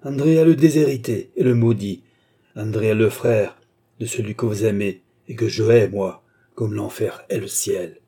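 A man's voice: medium pitch, measured pace, gravelly, dark tone, slightly rough. A man voicing a scheming, vengeful nobleman villain in an audiobook, with sneering, heated declamation. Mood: defiant, menacing.

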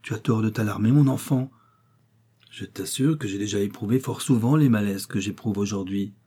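A man reading aloud and voicing a gentle, ailing middle-aged mother who speaks in soft, soothing reassurances. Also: fairly low pitch, normal speed, slightly rough. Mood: reassuring.

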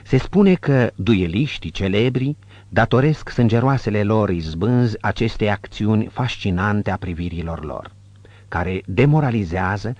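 A man narrating an audiobook in a measured, descriptive reading. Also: fairly low pitch, animated, a little mellow, no room sound, lo-fi sound. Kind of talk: scripted narration.

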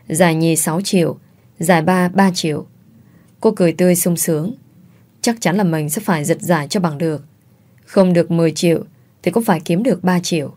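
A woman reading a family-drama story aloud in a steady, plain narration. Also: on the low side.

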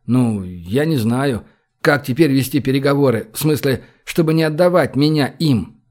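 A man's voice: mid-range voice, lively intonation, normal speed, a little mellow, close to an everyday voice. A man doing a sly young schemer feigning gloom. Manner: sly, mock-mournful, hesitant. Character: cunning young male gang leader faking helplessness.

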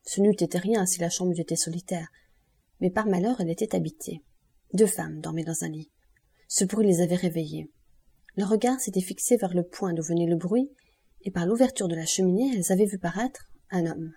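Casting: woman audiobook narrator, low, mellow, slightly husky voice. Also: brisk. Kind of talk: scripted narration.

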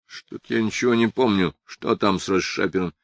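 A man's voice: on the low side, a little fast, no echo, close to an everyday voice. A man reading an audiobook and voicing a weary writer in a dry, ironic, offhand way. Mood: wry.

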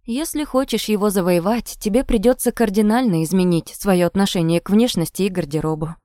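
A woman's voice: mid-range voice, fairly quick, warm tone, dry recording, close to an everyday voice. A worldly, teasing young woman giving frank advice over a cigarette, voiced by a woman reading aloud. Her voice sits close to the narrator's own, in a dry, close recording. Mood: knowing. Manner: knowing, advising.

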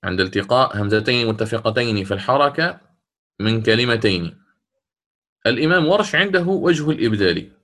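A middle-aged man teaching Quran recitation rules, explaining a poem step by step and slowing to chant the quoted verses. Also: medium pitch, animated, fairly bright tone. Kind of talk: classroom lesson explaining a didactic poem.

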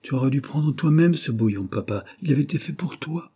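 A man voicing a gentle, devoted young married daughter who speaks softly and pleads with worry. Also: mid-range voice, expressive, fairly quick, slightly rough, voice pushed up. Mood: worried.

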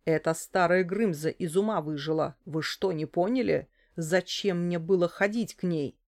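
A woman reading an audiobook voices an indignant, loudly protesting male architect who is being arrested. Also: lowish voice, a little slow, close to an everyday voice. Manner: protesting, loud.

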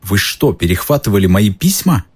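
Earnest worried boy wizard, husky voice, low, read by a male narrator. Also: very animated, moderate pace, darkish tone. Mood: upset. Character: worried, stubborn schoolboy wizard.

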